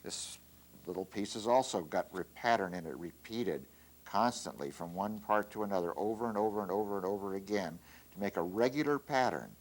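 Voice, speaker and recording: A middle-aged man with a somewhat low voice gives an art lesson while he demonstrates. He speaks in a relaxed, halting way, often pausing on fillers and restarting his phrases. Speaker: art teacher. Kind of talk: instructional demonstration.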